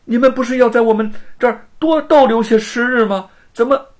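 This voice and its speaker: A man voicing a young, warm-hearted male scholar who speaks earnestly and pleads. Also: high-pitched, big pitch swings, unhurried, pitched above the performer's own voice, heavily acted. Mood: shocked.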